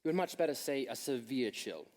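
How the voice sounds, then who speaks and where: A young man acting a witty, idle gentleman in a school stage comedy, with a playful, teasing delivery. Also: medium pitch, lively intonation, brisk, natural voice. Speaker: stage actor in a school play.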